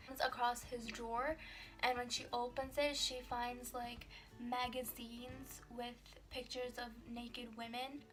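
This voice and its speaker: A woman from Pakistan giving an informal book review, with frequent fillers and pauses. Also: fairly high pitch. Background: background music.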